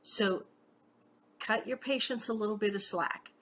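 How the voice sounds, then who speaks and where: Speaking a little slowly in a mid-range, fairly bright voice, a middle-aged woman paramedic instructor chats casually with her class, frequently asking "okay?" and recounting personal experiences. Slight background noise can be heard.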